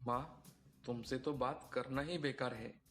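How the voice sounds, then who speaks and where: A man's voice: medium pitch, a little slow, fairly bright tone, lightly acted. A man voicing an earnest young son who pleads with his mother for fairness. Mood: pleading.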